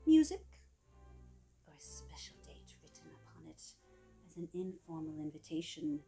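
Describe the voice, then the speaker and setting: Sultry, low-voiced woman narrator. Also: huge pitch swings, faint music behind. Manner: sultry, slow-savoring delivery with soft trailing phrase ends. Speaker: reader of a public-domain etiquette book. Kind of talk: scripted narration, sultry audiobook reading.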